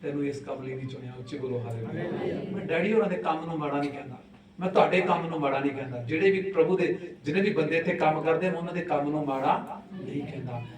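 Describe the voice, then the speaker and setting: Preacher, slightly high voice, swings from hushed to loud, calls out to the congregation, echoey hall, mic set far off. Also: male voice, fast, a crowd in the background. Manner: calls out for the congregation to respond aloud, switching between hushed and loud. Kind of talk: sermon. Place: church hall.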